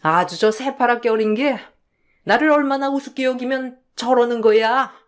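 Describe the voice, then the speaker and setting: A woman's voice: fairly high pitch, natural voice. Woman doing a wailing old mother-in-law. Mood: tearful lament. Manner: tearful, slow, lamenting. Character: elderly mother-in-law, self-pitying, wailing. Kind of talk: radio drama acting.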